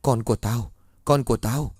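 A man's voice: level tone, unhurried, dark tone, breathy edge, no echo, studio quality. A man voicing a terrified, haunted young wife who screams and pleads in panic, in a horror storybook narration. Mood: frantic. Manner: shrill frantic screaming.

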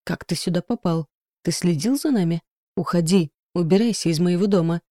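A woman's voice: fairly quick, warm tone, dry recording, studio quality, natural voice. A woman voicing a young woman who is frightened yet defiant, speaking shrilly. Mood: scared, defiant. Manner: shrill, challenging.

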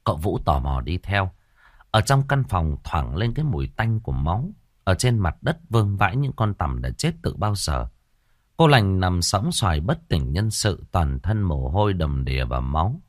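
A man narrating a ghost story in an expressive, suspenseful style. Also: low voice, moderate pace, no echo, studio quality.

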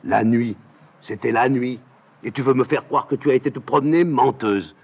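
A man reading a play aloud, voicing a fussy, scolding old nursemaid in a high raised voice. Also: moderate pace, a little mellow, husky. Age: older. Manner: shrill, scolding, exclamatory.

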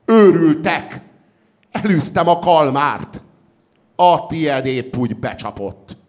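A man voicing an old male sage who shouts defiantly at an angry crowd, in a loud, high, declaiming voice. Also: lively intonation, lightly acted. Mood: furious, defiant.

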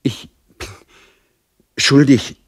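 Man voicing a parched prisoner, faint, breathy, pleading, desperate, storybook reading. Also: very slow. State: exhausted, parched. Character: parched chained prisoner, male, desperate and weak.

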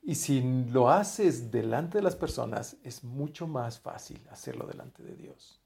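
A pastor delivers a sermon in a warm, mellow, slightly creaky voice at an ordinary middle pitch for a man. He speaks conversationally and unhurriedly, with lively intonation, restarts, and phrase endings that fade almost to silence.

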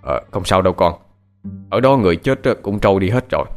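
Gentle, reassuring fisherman father in a ghost-story reading , played by a man, low and soft; faint music under. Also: lively intonation, fast. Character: poor middle-aged fisherman father, gentle, soothing.

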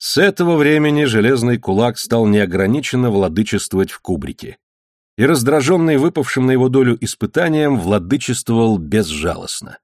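A man narrating a classic story as an audiobook, in a measured, expressive reading. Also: medium pitch, dry recording, clean studio sound. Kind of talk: scripted narration.

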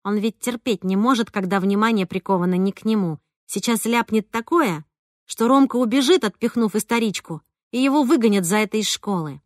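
A woman narrating a first-person novel with a lively, expressive reading. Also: medium pitch, fairly quick, no echo, clean studio sound. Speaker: audiobook narrator.

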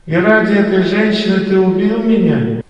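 A man voicing the gentle, forgiving ghost of a murdered wife in a soft, calm voice. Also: high voice, moderate pace, very echoey, long reverb tail, far from the mic, lo-fi sound, voice pushed up. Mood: reproachful.

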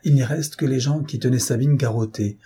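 Very husky man reading a novel. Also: medium pitch, fairly quick, warm tone. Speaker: audiobook narrator. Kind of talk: dramatic audiobook reading.

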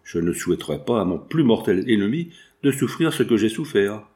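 Polite wealthy father figure, read by a man, formal old-fashioned speech, lively pitch, audiobook novel. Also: fairly quick. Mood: courteous. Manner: formal, courteous nineteenth-century speech. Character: wealthy middle-aged male industrialist and father, courteous.

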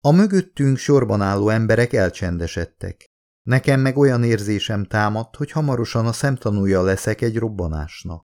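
A man narrating a first-person novel as an expressive audiobook reader. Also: fairly low pitch.

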